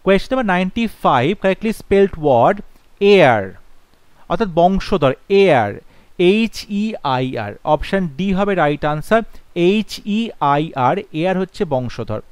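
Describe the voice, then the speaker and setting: A man with a Bengali accent teaches English spelling for exam prep, reading each word out and spelling it slowly letter by letter. His voice sits high and sounds smooth and clear. The recording is dry and close, with no room sound. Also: sing-song, no echo. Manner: reads question numbers slowly and deliberately in English.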